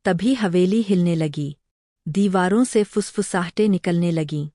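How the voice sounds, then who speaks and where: A woman narrating a scripted horror story in a measured, ominous tone. Her voice sits a little low and mellow, and she paces it very slowly. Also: no echo, clean studio sound.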